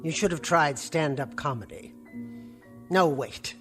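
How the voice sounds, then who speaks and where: Music plays faintly behind this actress, whose low voice moves a little slowly. She is in a 1960s TV drama as a put-upon middle-aged niece and housekeeper, tart, weary and resentful, firing clipped, sarcastic retorts back at her uncle.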